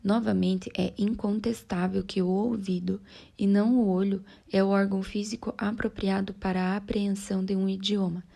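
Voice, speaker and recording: A woman reading a nonfiction audiobook aloud in a soft, breathy near-whisper, now and then correcting a slip. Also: medium pitch. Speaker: audiobook reader.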